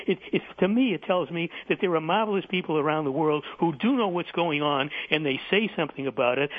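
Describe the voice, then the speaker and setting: An earnest man makes his case with insistence, stumbling and restarting his sentences as he goes. His fairly high voice comes through a narrow, tinny phone line, dry and close. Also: no room sound. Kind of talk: political talk radio commentary.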